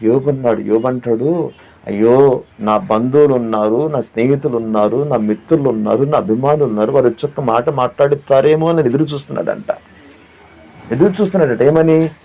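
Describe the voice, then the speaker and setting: A man's voice: mid-range voice, fairly quick. A man pastor preaching a sermon who asks the listeners questions, repeats his phrases and sings hymn lines. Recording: dull lo-fi audio with faint background.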